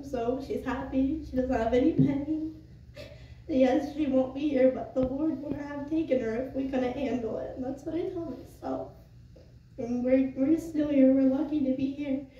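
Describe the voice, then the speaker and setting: A young woman giving a personal eulogy to mourners, speaking tenderly and informally, with halting pauses. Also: high voice, dark tone. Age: young adult. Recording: echoey room, distant muffled mic, noisy.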